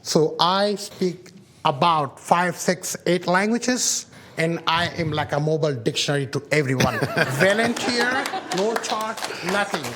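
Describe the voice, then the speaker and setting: Man, high voice, earnest and upbeat, podium mic, public meeting. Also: expressive, measured pace, a bit bright, slight background noise. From Afghanistan. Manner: earnest and upbeat, with self-corrections and translated asides. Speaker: parent program graduate addressing a commission. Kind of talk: public remarks in mixed Spanish and English.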